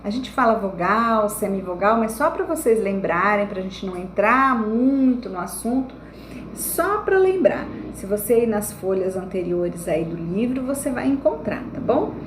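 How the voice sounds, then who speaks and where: A young woman teacher giving a recorded online lesson to children, explaining slowly and checking in with frequent tag questions. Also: mid-range voice, animated. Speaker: primary school teacher. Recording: echoey room with faint background noise.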